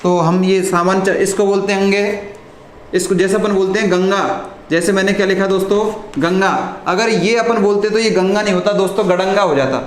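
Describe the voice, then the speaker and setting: A man teaching a live online lesson, asking the class questions and answering them himself, often clearing his throat. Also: high-pitched, steady tone, fairly quick. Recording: echoey room with faint noise.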